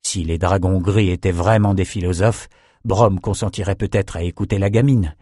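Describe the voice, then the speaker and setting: A man reading a fantasy novel aloud as narrator, in a steady, measured way. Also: low-pitched, no room sound, clean studio sound. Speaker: audiobook narrator.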